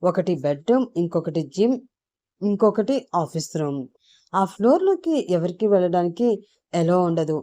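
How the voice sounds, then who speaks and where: A woman narrating a scripted audio story in a calm, even storytelling manner. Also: fairly low pitch, normal speed, dry recording.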